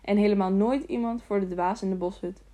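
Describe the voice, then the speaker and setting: A woman's voice: medium pitch, fairly even intonation, brisk, dark tone, natural voice. Woman putting on an eager childlike young fool. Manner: repetitive, pleading questions. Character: simple-minded young man, childlike, lonely and eager.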